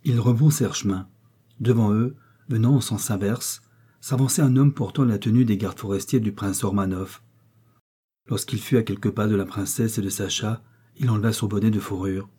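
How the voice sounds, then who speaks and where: Male audiobook narrator, low, dark and husky, measured. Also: fairly even intonation. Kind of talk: scripted narration.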